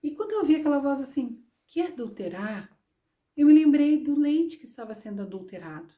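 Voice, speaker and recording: A woman's voice: high voice, lively intonation, fast, warm tone. A middle-aged woman preaching a sermon, telling a personal testimony in a conversational storytelling way with frequent tag questions. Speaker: women's ministry preacher.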